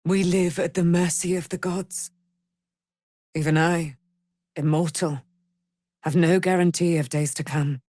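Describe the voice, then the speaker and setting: A woman plays a proud immortal paladin, the warrior daughter of a moon goddess, in a fantasy video game, declaiming in a grand, archaic, theatrical way with anguish. Her voice is fairly low and a little mellow, with no echo.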